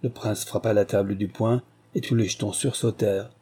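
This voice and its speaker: Dark husky male audiobook narrator. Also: fairly low pitch, fairly even intonation, normal speed. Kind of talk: scripted narration.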